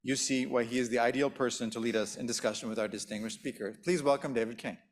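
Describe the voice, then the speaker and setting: A man's voice: medium pitch, fairly even intonation, background noise. A man formally introducing a speaker at an event. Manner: brisk, formal. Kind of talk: read introduction.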